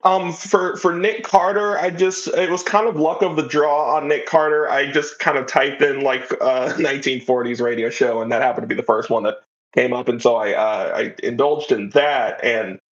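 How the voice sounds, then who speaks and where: An audio drama writer, appearing as an interview guest, talks casually at a moderate pace in a steady, medium-pitched male voice. He explains at length, wandering eagerly from one point to the next. The recording is a little dull and lo-fi.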